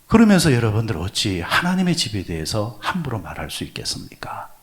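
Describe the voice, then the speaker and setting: A male pastor preaching an early-morning prayer sermon. He asks the congregation questions and answers them himself, and he moves from loud exclamations to soft, breathy asides. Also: on the low side, huge pitch swings, brisk. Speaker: senior pastor.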